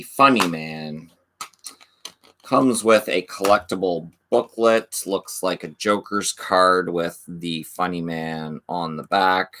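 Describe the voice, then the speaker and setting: A casual channel host reads the backs of his DVDs and chats about his collection, explaining that his voice is going. He sounds gravelly and fairly bright, his asides low-key.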